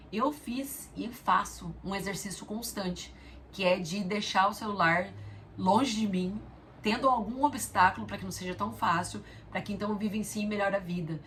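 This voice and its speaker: An earnest woman sharing personal stories and spiritual reflections, speaking directly to her listener. Her voice sits at an ordinary middle pitch. A faint hiss of background noise runs under the recording. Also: normal speed, a bit bright. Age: adult mother of a young daughter. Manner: earnest, storytelling, addresses viewer directly. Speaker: spiritual video host. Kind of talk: reflective spiritual talk to camera.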